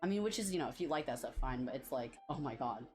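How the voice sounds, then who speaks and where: Young woman, very low voice, casual streamer chat, rambling, faint music behind. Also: expressive, very fast, a little mellow. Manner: rambling, filler-heavy talk, reacts to chat. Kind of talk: casual live-stream chat while drawing.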